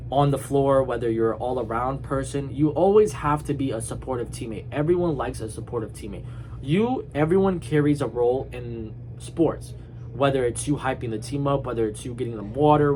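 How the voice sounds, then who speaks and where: A man's voice: medium pitch, a little hiss or hum, poor audio. A young man from Iraq, a student giving an informal, rambling class presentation about himself with frequent fillers and restarts. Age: young adult. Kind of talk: casual spoken class presentation.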